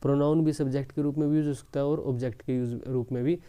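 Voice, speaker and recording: Male teacher, mid pitch, smooth and very mellow tone, deliberate explainer. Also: fairly even intonation. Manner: slow deliberate reading of English sentences; explaining, addresses viewers as friends. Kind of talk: exam prep lesson.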